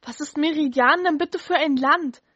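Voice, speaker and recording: A man's voice: very high voice, normal speed, sharp tone, lo-fi sound, voice pushed up. A man voicing a frightened young orphan girl who stammers and pleads anxiously in an audio story.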